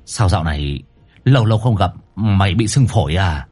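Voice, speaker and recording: A man's voice: deep voice, expressive, brisk, darkish tone, husky, soft background music, pitched below the performer's own voice. A man voicing a jittery young man who stammers as he talks. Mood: teasing.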